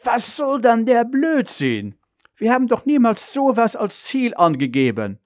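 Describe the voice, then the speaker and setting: A man's voice: fairly high pitch, animated, unhurried, darkish tone, dry recording, clean studio sound. A man playing a grumpy, impatient family father who blusters and complains. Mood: indignant.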